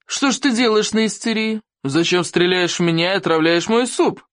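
A reader voicing a hot-tempered, blustering Viking chief who shouts and rants, in a dry, close audiobook recording. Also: mid-range voice, normal speed, no room sound, pitched above the performer's own voice, lightly acted. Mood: gruff. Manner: shouting, bellowing, ranting. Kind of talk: audiobook character voice.

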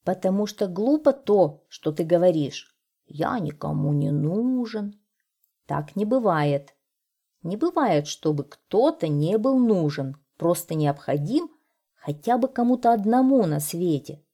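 A woman playing a slow, wise old owl. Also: lowish voice, sing-song, warm tone, exaggerated voice. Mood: measured. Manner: slow, measured, firm.

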